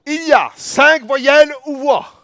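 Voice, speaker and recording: Guy playing a stuffy know-it-all tutor, spelling out vowels real loud and proper. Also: very high voice, measured pace, no echo, clean studio sound, full character voice. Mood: pedantic. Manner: pedantic, declaiming, over-articulated vowels. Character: pompous male philosophy teacher.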